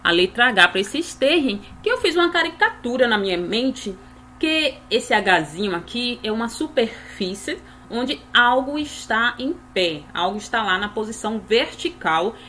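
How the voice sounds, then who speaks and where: Lady teaching german verbs, bright clear voice, bit of hiss behind. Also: on the high side, sing-song, measured pace. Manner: tag questions after each point. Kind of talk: explaining grammar tables.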